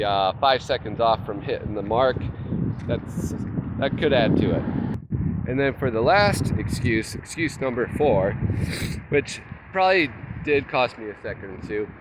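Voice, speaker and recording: A man with a slightly congested, head-cold voice talks in a casual, halting, self-deprecating vlog monologue, matter-of-fact throughout. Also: medium pitch, highs cut off. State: has a cold with nasal congestion. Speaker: vlogger, trail runner. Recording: loud wind and outdoor noise on mic.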